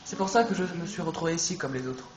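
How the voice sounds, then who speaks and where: A man's voice: a little high, fast, close to an everyday voice. A man reading out a washed-up cartoon detective. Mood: glum. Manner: reads dialogue aloud plainly. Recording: echoey room, music behind.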